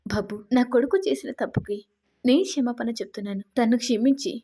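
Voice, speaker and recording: A woman's voice: on the high side, brisk, mellow, husky. A woman voicing a weeping, pleading mother. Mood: tearful. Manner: tearful, pleading. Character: grieving middle-aged mother pleading through tears.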